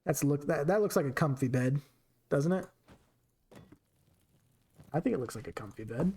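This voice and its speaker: A man's voice: on the high side, animated, moderate pace, warm tone, breathy edge. A man streaming a game with casual commentary, chatting to his characters as he plays.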